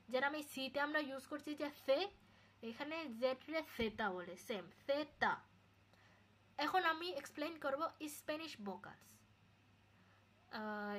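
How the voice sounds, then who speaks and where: A woman's voice: fairly high pitch, a bit bright, a little hiss or hum. Bangla-speaking woman tutoring Spanish sounds. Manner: casual, repeats sounds slowly, checks in with "okay?". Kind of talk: recorded solo lesson explaining pronunciation. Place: home, recorded alone.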